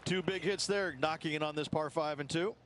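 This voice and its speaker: A man's voice: fairly high pitch, a little fast, fairly bright tone, close to an everyday voice. A man giving golf broadcast commentary as a course analyst, conversational and emphatic. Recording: clear background ambience noise.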